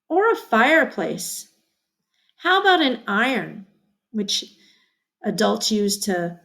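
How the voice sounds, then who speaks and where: A woman's voice: fairly high pitch, a bit bright. A woman teacher reading a children's magazine aloud to young students, with playful sound effects and questions to her listeners.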